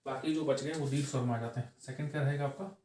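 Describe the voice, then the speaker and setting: A man teaching grammar for exam prep, posing questions and answering them himself, repeating key phrases slowly and tagging lines with "okay". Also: mid-range voice, fairly even intonation, a little mellow, slight background noise. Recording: echoey room, voice from far off the mic.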